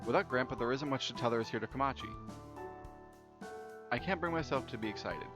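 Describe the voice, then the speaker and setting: On a dull lo-fi mic with game music behind, a young man gives casual let's play commentary at a fast clip in a medium-pitched voice. He reads game text aloud and stumbles over words he repeats.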